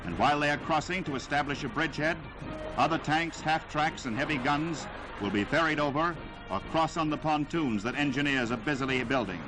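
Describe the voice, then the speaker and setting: A man's voice from an old newsreel soundtrack, narrating wartime footage in a dramatic, declamatory 1940s style. His voice sits fairly high. A loud music score runs underneath him. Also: a little fast, poor audio.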